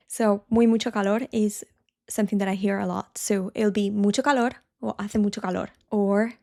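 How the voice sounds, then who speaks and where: A woman teaches an online language lesson as the host of her own channel, with a mellow, relaxed voice in a middle pitch. She explains patiently and drops to a slow, careful pace whenever she models an example word.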